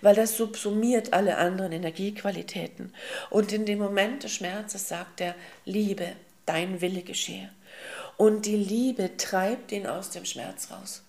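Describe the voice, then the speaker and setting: A woman with a gravelly, creaky voice delivers a spiritual teaching as a slow, emphatic parable. Her pitch sits in an ordinary middle range. She addresses her listeners tenderly as souls and beloved ones, pausing with soft hums between thoughts.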